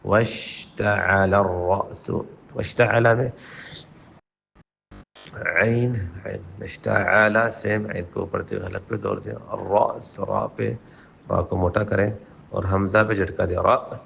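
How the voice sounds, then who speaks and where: Male Quran teacher, brisk explanations between slow chanted verses, low gravelly voice. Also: fairly even intonation, a bit bright, slight background noise. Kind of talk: tajweed lesson with chanted recitation.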